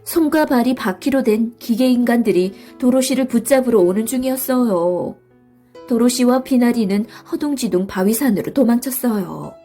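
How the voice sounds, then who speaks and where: Sex: woman. Role: storyteller. Style: bedtime story narration. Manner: soft, soothing, a bit high. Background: faint music. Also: expressive, normal speed.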